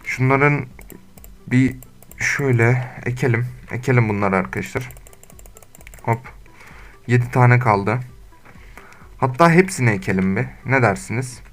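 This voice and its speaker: A man's voice: mid-range voice, a little slow, pauses often, fairly bright tone. Chatty young man narrating his gameplay. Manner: chatty, scolding the animals, slangy. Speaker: gaming YouTuber. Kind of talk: casual Minecraft let's play commentary. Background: faint game music and keyboard typing.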